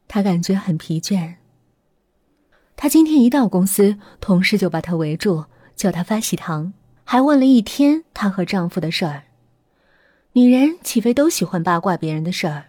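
A woman narrating a ghost story dramatically, slowing down and hushing at the tense moments. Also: mid-range voice, expressive, husky, no echo, studio quality. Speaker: storyteller host. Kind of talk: horror audiobook narration. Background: faint music.

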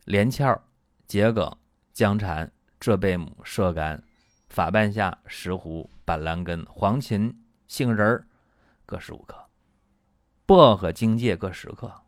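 A man hosting a traditional Chinese medicine talk show in a lively, colloquial way. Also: lowish voice, slow, no room sound, studio quality. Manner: lively and colloquial, acts out patients and doctors.

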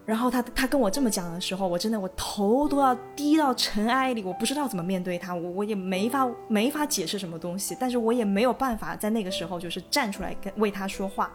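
A woman co-hosting a casual podcast, telling a childhood story in a lively way and laughing often. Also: medium pitch, fast, hardly any pauses, soft background music. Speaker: podcast co-host.

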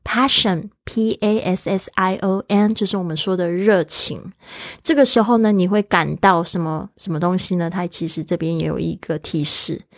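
A woman teaching English vocabulary in a bilingual lesson, slowing down to spell words out letter by letter. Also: fairly low pitch, creaky, no echo, clean studio sound.

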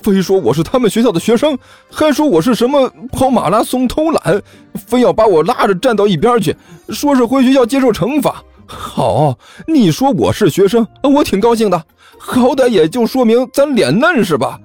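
Casual: guy doing a squeaky outraged student playing dumb, soft music behind. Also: huge pitch swings, moderate pace, hardly any pauses, no echo, full character voice. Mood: indignant. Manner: indignant, protesting loudly. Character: cheeky male student feigning innocence, shrill.

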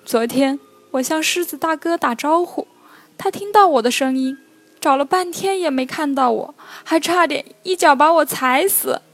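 A woman voicing a tiny young ant who wants to be a hero, in a children's storybook reading, talking high and loud with sobs. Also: moderate pace. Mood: tearful. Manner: high, loud, sobbing and pleading.

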